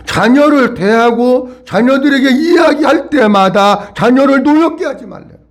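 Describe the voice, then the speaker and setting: Animated high-pitched preaching man. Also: normal speed. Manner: animated preaching with call-and-response. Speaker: pastor. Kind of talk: sermon.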